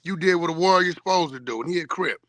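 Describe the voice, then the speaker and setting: A man's voice: fairly high pitch, fast, a bit bright, no echo. A man talking casually and boastfully on a call, in an emphatic, insistent, slangy street style.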